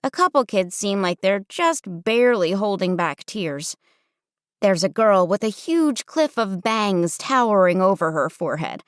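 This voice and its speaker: A woman narrating a first-person audiobook with wry, expressive storytelling. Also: medium pitch, no room sound, studio quality.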